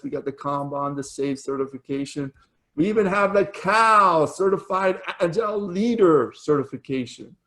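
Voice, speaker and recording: A man hosting an online community meetup over a video call, chatty and full of fillers, saying he is losing his voice. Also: a little high. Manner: chatty, with fillers and self-corrections. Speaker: meetup host.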